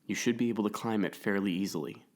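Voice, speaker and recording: A man's voice: on the low side, fast, a little mellow, natural voice. A man voicing a bold, spirited young girl who hunts monsters, speaking eagerly. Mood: gentle, earnest.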